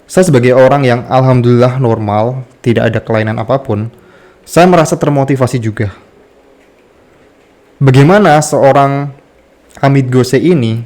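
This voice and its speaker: Guy with a bit of a lisp on his r, mid-pitched, talking openly about himself like a youtuber. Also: darkish tone. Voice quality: slight lisp on the r sound. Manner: candid, self-deprecating. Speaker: YouTube content creator. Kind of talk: personal story told to camera.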